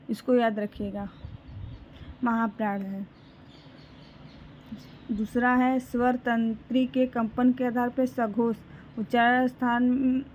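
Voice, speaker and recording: A woman teaching an exam-prep lesson in a slightly high but very flat voice. She moves slowly and deliberately through lists and keeps telling students to memorize them. The recording is slightly dull, with faint room noise behind her. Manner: slow, deliberate listing with repeated reminders to memorize.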